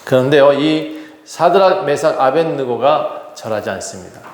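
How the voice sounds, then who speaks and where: A male pastor preaching a sermon, retelling a scripture story with acted dialogue and lively emphasis. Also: medium pitch, normal speed. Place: church sanctuary. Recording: echoey hall reverb.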